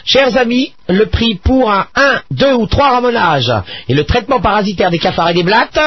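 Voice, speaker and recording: A man's voice: sits high, lively intonation, moderate pace, slightly rough, lo-fi sound. A man co-hosting a comic radio show, teasing his partner and callers in mocking banter. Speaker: radio host.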